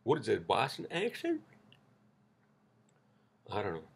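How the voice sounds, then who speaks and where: With a lowish, creaky, husky voice and huge pitch swings, a man speaks at a measured pace. He hosts a casual solo podcast, rambling with lots of fillers, restarts and swearing, in English with a non-native accent.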